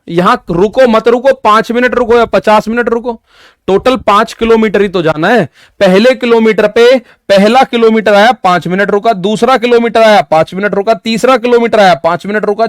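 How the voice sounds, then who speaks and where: A man's voice: high-pitched, normal speed, dry recording, studio quality. A male maths teacher giving an exam-prep lesson, explaining step by step, repeating key points and talking directly to his students.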